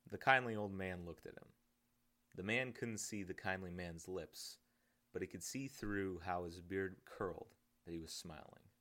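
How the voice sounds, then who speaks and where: A man reading his own audiobook aloud in a steady, measured way. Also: low voice. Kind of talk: audiobook narration.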